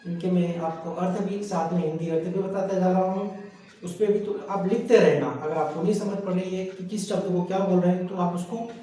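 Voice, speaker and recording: A man with a fairly high voice teaches a grammar lesson, spelling each word out and saying it over and over. He asks his students questions and then answers them himself. He sounds set back from the mic in a strongly echoing room. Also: fairly even intonation, brisk, dark tone. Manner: spells words letter by letter and repeats them. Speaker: English teacher. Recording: very echoey room heard from a distance.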